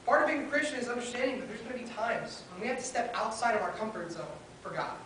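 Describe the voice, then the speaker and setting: A woman's voice: fairly high pitch, quick pace, a bit bright. Woman preaching at a pulpit microphone, echoey hall. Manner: earnest, builds points in short listed phrases. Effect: spoken into a pulpit microphone. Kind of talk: sermon. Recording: very echoey hall, heard from far off, faint hiss.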